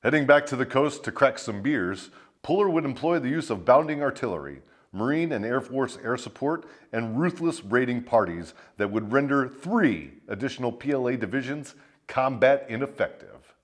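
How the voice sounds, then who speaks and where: This man's medium-pitched, expressive voice moves at a moderate pace. As host of a military storytelling show and a first sergeant, he delivers dramatic scripted tales full of crude, swaggering, profane humour.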